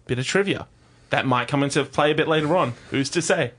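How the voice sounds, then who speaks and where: Excitable sweary guy doing countdown announcer bits on a music podcast, pretty high voice. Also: brisk, slightly rough. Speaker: podcast co-host. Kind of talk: casual music chat with hyped top ten countdown announcing.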